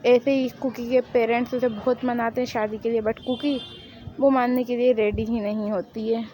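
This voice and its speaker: A woman's voice: on the high side, little pitch movement, normal speed, warm tone, slight background noise, low-quality recording. A woman narrating a fan story in a chatty way, mixing in English words.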